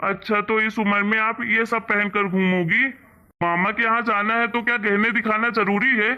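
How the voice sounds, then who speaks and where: A man's voice: high-pitched, level tone, normal speed, highs cut off, lightly acted. A man voicing an angry grown son in a cartoon story, scolding and mocking as he talks. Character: angry grown son scolding his mother over money. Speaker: cartoon character. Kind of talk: Hindi cartoon story voice acting.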